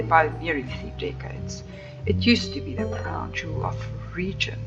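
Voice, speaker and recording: A woman's voice: lowish voice, muffled recording. A woman voicing a haughty, prickly hostess of an old estate in a formal, condescending, clipped manner for a game.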